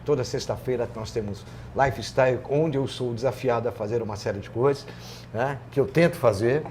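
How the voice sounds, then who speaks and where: A man's voice: mid-range voice, brisk, darkish tone, a little hiss or hum. A man hosting a casual interview, full of joking banter. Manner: jokey, laughing banter. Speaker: host.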